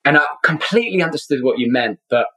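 A middle-aged podcast guest from Scotland who grew up in London, and speaks with a London accent, earnestly tells a personal story in an interview, repeating words for emphasis. His voice is on the high side, expressive and quick, with a sharp tone and breathy edge.

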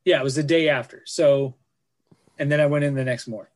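A man's voice: medium pitch, steady tone, fairly quick. A man in his forties, telling a story in a blunt, profane way during a casual podcast chat. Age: 40s. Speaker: podcast co-host.

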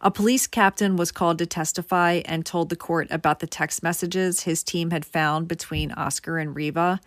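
Female true crime host, casual direct narration, low-pitched, dry booth sound. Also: fairly even intonation, moderate pace, no echo. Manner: conversational, addresses viewers directly.

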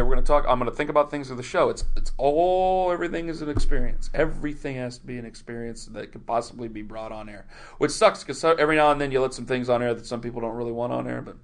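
Rambling, animated male radio storyteller. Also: on the high side. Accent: Ohio. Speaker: sports radio host, guest. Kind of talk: casual storytelling interview.

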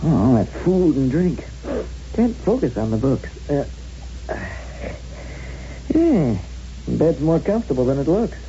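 An actor playing an easygoing husband with a drowsy, unruffled manner in a radio drama. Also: male voice, on the high side, very animated, measured pace, pauses often, mellow. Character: sleepy, easygoing husband and keen reader. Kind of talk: 1970s radio drama acting. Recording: dull lo-fi radio recording, faint noise.

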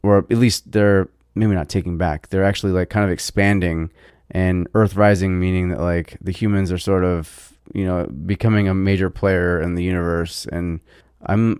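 A man's voice: sits low, a little mellow, clear, resonant tone, dry recording, studio quality. A man co-hosting a podcast, chatting casually with many fillers and restarts. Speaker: podcast co-host. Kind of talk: casual chat.

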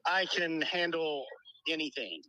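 A man's voice: a little high, lively intonation, measured pace, sharp tone. A man taking a phone call on a podcast, laid-back and amused. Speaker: phone caller. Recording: phone call with faint noise.

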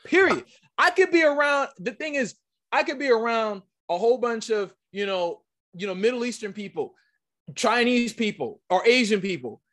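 This podcast host has a high, animated voice at a normal speed. Caught up in a heated debate, he pushes his point insistently and emphatically and keeps repeating himself.

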